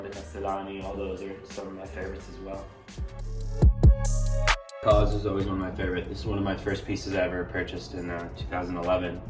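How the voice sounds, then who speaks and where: Low-voiced man from Italy, roomy distant sound. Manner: unhurried, halting, often says "you know". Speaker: art collector and gallery owner. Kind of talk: casual interview monologue. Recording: roomy sound from a distant mic with faint music.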